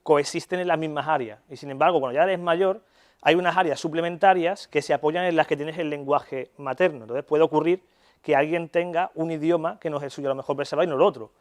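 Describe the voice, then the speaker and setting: Speaking fast in a fairly high voice, a young man from Spain delivers a neuropsychology lecture. He's laid-back and talkative, checking in with "¿vale?" often and tossing in jokey curses.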